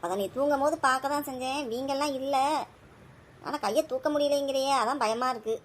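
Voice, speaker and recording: A woman in her thirties with a high voice chats with her child at home. She speaks briskly and scolds a little, but stays caring underneath. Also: fairly even intonation, a little hiss or hum. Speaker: mother in a family vlog. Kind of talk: casual family chat.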